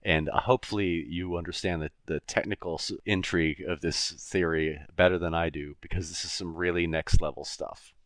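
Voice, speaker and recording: A man's voice: low-pitched, steady tone, brisk, hardly any pauses, a bit bright, dry recording, studio quality. A man co-hosting a podcast, explaining ideas in a casual, thinking-aloud way and laughing easily. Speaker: podcast co-host.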